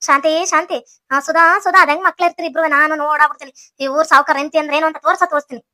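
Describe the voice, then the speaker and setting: A woman voices a villainous cartoon matriarch, bossy and scheming, with a North Karnataka Kannada lilt. The voice sits very high and bright and races along, dry and close to the mic. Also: fairly even intonation, racing, no room sound. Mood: plotting. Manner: plotting, bossy, bargaining. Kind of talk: cartoon comedy voice acting.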